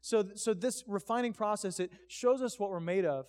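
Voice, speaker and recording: A man's voice: high voice, normal speed, darkish tone. A man pastor preaching a casual, storytelling sermon at a live church service, with lots of fillers and restarts. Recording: echoey church hall.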